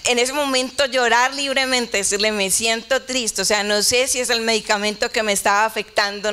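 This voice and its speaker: A woman's voice: on the high side, a bit bright. A middle-aged woman pastor, telling a personal story in a conversational sermon and voicing both sides of the dialogue.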